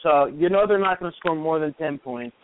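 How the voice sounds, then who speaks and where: A man's voice: on the high side, fairly quick, noisy background. A man co-hosting a sports talk show, easygoing and analytical with plenty of uhs and ums. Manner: easygoing, analytical, uses fillers like uh and um. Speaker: co-host. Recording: tinny phone-like line, dry.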